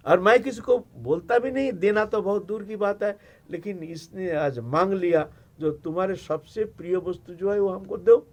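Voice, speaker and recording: A man's voice: high voice, moderate pace, lightly acted. A man voicing a troubled, secretive male god in a retold religious story, fretting and repeating himself. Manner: fretful, insistent repetition.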